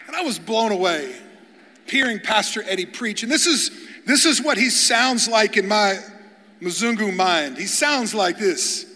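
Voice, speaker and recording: A man's voice: high-pitched, animated, measured pace, bright, forceful tone. A man preaching as a guest pastor, telling humorous stories and often repeating words as he starts sentences. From Kentucky, USA. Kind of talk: storytelling sermon. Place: large church hall before an audience. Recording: long hall reverb.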